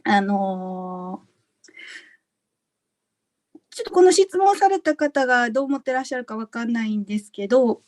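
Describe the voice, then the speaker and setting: A woman's voice: fairly high pitch, animated, moderate pace, long pauses, darkish tone. A woman on a webinar panel chatting candidly about accents in her class, laughing easily. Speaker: MBA student panelist. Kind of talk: casual webinar Q&A answer.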